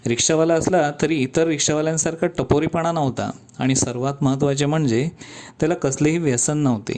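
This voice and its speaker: A man narrating a scripted story in a calm, steady storytelling manner. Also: medium pitch, slight background noise.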